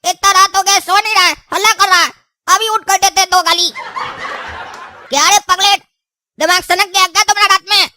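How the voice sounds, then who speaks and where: A hot-tempered young cartoon son hurls insults, voiced by a woman. The voice is very high and piercingly bright. A faint hiss sits behind it. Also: fairly even intonation, a little fast, long pauses, full character voice. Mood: angry. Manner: rude, shouting insults. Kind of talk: cartoon dubbing.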